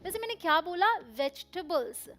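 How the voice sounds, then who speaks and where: Woman, young adult, high-pitched, English teacher, vocabulary lesson, repeats each word slowly. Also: bright, forceful tone, soft background music. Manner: slow repeated pronunciation drills with quiz questions.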